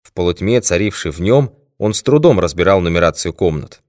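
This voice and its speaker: A man reading a novel aloud as an audiobook narrator, evenly and measured. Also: sits low, animated, a little mellow, dry recording, studio quality. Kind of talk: scripted narration.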